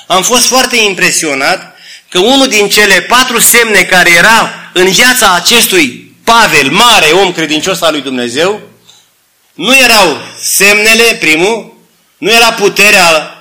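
A man's voice: sits high, pushed and bright. A man preaching a sermon to his congregation, fervent and addressing them as brothers, acting out the dialogue of the figures in his story.

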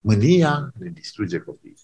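Animated man preaching a sermon. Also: breathy edge. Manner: swings between loud exclamations and hushed, low emphasis; repeats key phrases for emphasis.

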